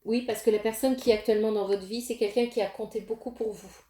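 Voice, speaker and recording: A woman's voice: on the high side, fairly even intonation, fast talker, warm tone, roomy sound. A woman giving a casual tarot reading to her viewers, talking directly to them with many fillers and restarts. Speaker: tarot reader.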